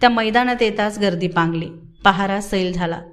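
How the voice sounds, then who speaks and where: A woman's voice: mid-range voice, moderate pace. Woman reading a novel aloud dramatically. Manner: steady expressive storytelling. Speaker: audiobook narrator.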